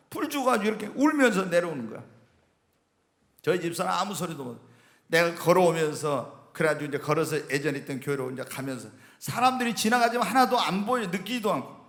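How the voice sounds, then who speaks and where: Animated male pastor in an echoing hall. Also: sits high. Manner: animated storytelling, acting out his own remembered prayers. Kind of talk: evening worship sermon. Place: church sanctuary. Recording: echoey church hall reverb.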